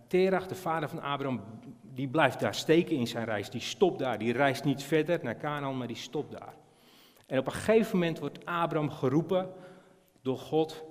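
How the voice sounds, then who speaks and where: A man with a Dutch accent giving an informal sermon in a church, chatty and hesitant, with many fillers and questions to the congregation. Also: medium pitch. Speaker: preacher. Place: church hall. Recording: long church reverb.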